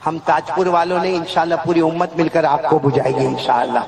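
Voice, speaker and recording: A man's voice: a little high, creaky. A man preaching to a gathering, telling a humorous story and calling on the crowd to answer back. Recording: echoey hall with crowd.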